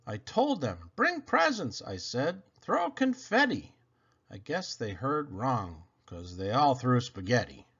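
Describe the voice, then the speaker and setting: A husky-voiced man performs children's poetry for a read-aloud channel at an unhurried pace, his pitch swooping wildly as he leans into words with playful emphasis and pauses. The theatrical reading sounds a bit bright, though the recording is a little dull and lo-fi.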